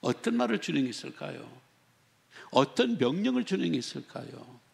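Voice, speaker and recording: A man's voice: a little high, sing-song, normal speed, vocal fry. A male pastor preaching a sermon, emphatic and full of rhetorical questions, acting out the feelings of the story in the first person. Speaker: senior pastor.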